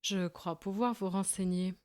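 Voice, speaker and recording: A woman reading an audiobook, voicing a shrewd male detective in a smooth, measured manner. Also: mid-range voice, fairly even intonation, darkish tone, lightly acted. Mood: calm.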